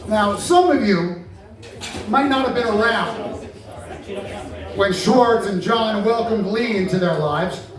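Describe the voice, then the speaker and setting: A man's voice: sits high, takes it slowly, pauses often. A man giving a wry, teasing comic roast to a live audience, with playful sound effects. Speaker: comedian roasting colleagues. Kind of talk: stand-up roast toast. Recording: echoey hall, distant mic, crowd laughter.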